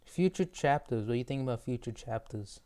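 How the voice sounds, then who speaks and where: A man's voice: medium pitch, expressive, fairly quick, dark tone. A man hosting a casual podcast, rambling hesitantly with lots of ums and likes and laughing easily. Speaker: podcast host.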